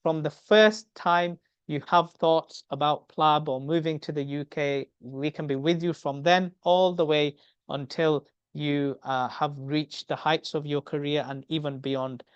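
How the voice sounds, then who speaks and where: A man's voice: a little high, steady tone, unhurried, smooth, no echo. A middle-aged man from the UK, a medical educator giving an earnest webinar talk, often repeating words as he thinks. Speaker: medical educator and academy speaker. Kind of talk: webinar presentation. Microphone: video call. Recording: dry, dull video-call audio.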